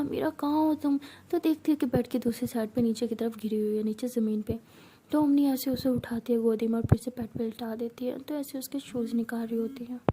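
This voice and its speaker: A woman's voice: fairly high pitch, warm tone, husky. A woman telling a love story in a loose, informal way with many fillers. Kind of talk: casual spoken storytelling.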